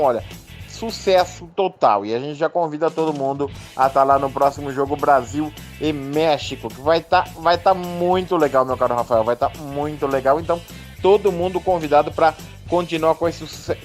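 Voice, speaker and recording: A man's voice: fairly high pitch, normal speed. A Brazilian man chatting casually as a panelist on a sports radio show, repeating phrases for emphasis. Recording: music clearly behind the voice.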